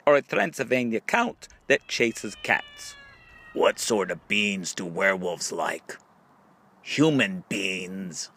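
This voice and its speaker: This man's voice is fairly low, gravelly, fairly bright and breathy at the edges. As an audiobook reader, he reads a scripted riddle book, introducing each question and drawing out the punchline in question-and-answer delivery.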